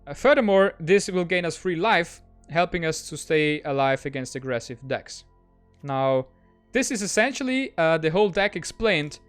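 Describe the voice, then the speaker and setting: A man hosting a gaming channel, giving excitable, quick, self-mocking commentary on a digital card game match. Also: a little high, clear, resonant tone, soft background music. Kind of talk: gameplay commentary.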